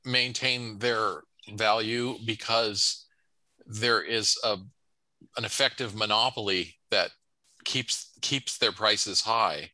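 A man's voice: fairly low pitch, slow pace, bright, forceful tone, dry recording, low-quality recording. A man co-hosting a webcast, reading out announcements and listener notes with dry humor. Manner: reads comments and plugs with dry humor. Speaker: co-host.

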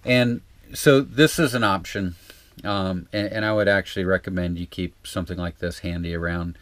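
A man's voice: sits low, fairly even intonation, normal speed, fairly bright tone. A man giving a casual, hesitant, rambling how-to talk inside a small trailer, as a vlog host. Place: small RV interior.

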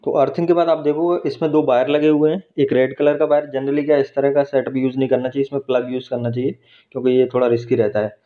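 A man with a mid-range voice teaches in a welding workshop, talking fast and flat as he walks through hands-on technical work step by step, patiently checking in with "ठीक है" and "है ना". He's filmed on a handheld phone, and the audio sounds dull.

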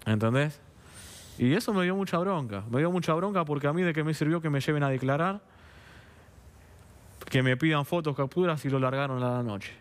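Pausing at length between fairly quick bursts, an Argentine man with a voice on the high side recounts events vehemently as a TV studio interview guest. Speaking Buenos Aires Spanish, he acts out the dialogue and keeps asking "understand?".

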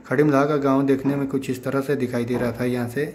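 A man from the Himachal Pradesh hills of northern India narrates a village vlog at a fast clip, his mid-range voice keeping a level tone. He casually points things out in a repetitive show-and-tell, talking to his viewers as friends.

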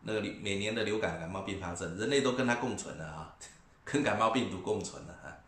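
A middle-aged male vlogger rants casually to camera, mocking and scornful, repeating himself and chuckling. His lowish voice moves at a quick pace with a slightly bright tone, recorded in an echoey room.

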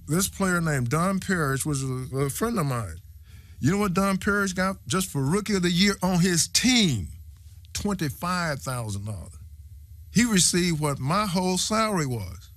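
Animated older man telling stories. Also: measured pace, no room sound. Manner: lively, emphatic, acts out quotes with big pitch swings. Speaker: former football player interviewee. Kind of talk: animated storytelling interview.

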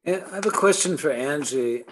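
An older man moderating a casual Zoom Q&A from home, halting and repeating words as he starts. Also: fairly high pitch, expressive, fairly bright tone, a little hiss or hum. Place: home room. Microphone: webcam on a video call.

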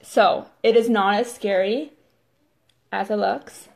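A woman's voice: mid-range voice, steady tone, slow, gravelly, darkish tone. A woman hosting a casual live makeup demo, chatty and filling her talk with "like" and "totally". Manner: chatty, says "totally" and "like" often.

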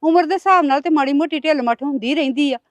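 A woman's voice: high-pitched, fast talker, no room sound, muffled recording, natural voice. A woman playing a patient middle-aged mother.

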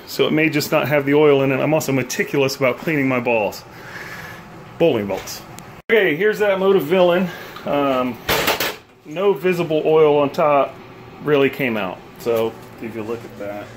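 Recorded on a phone at arm's length in his kitchen, this man in his thirties casually demonstrates a gadget he built himself. He's a bowling hobbyist vlogger who speaks at normal speed in a slightly high voice, thinking out loud with plenty of ums and uhs, over a little hiss or hum.

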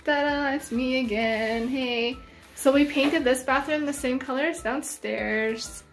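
A Canadian woman in her thirties gives a casual house tour indoors, filming on a phone held at arm's length. Her voice is high and a little slow, she chats in an easygoing way with lots of fillers like "like," and soft music plays under a rough recording.

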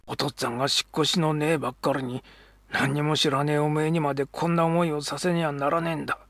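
A man voicing a proud but struggling middle-aged kabuki actor who talks in a rough, earnest Edo dialect. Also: mid-range voice, steady tone, normal speed, a bit bright, no echo. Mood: tender, pained.

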